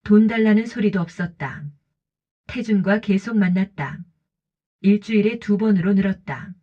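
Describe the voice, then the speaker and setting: A woman narrating a scripted audiobook in short, even, calm sentences, on a dull lo-fi recording. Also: mid-range voice, moderate pace.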